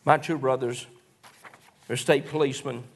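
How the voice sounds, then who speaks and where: A male preacher, telling folksy stories in a sermon and rising into shouted exhortations. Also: medium pitch, steady tone, normal speed, creaky. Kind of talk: sermon with storytelling.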